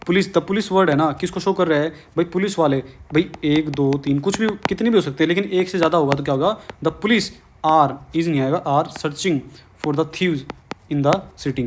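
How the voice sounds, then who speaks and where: A man's voice: on the high side, a little hiss or hum. Coaxing Hindi-accented male grammar teacher. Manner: coaxing, repeats questions to students. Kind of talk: exam-prep grammar lesson.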